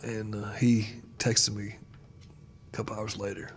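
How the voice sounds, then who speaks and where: A man who is a pastor, telling stories in a casual chat and getting animated when he retells dialogue. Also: lowish voice, measured pace, slight background noise. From United States. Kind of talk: casual conversation, storytelling.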